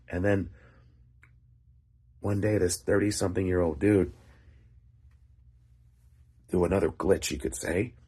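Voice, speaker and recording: Deep, gravelly man telling a story. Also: a little mellow. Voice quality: gravelly, husky, phlegmy. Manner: halting, pausing in short phrases. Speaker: writer and vlog host. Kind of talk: casual rambling storytelling monologue.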